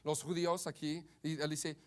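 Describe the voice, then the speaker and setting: A man preaches a sermon with a slightly high voice. He often stumbles, repeating and restarting words as he goes. His delivery stays halting throughout. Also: level tone. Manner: halting, many restarts and stammers. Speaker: Baptist preacher.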